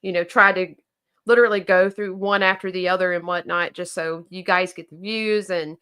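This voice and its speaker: Bright-voiced Southern woman chatting. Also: on the low side, steady tone, normal speed, smooth. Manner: chatty, many fillers and restarts. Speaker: co-host of a knife company livestream. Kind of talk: casual livestream chat reading viewer comments.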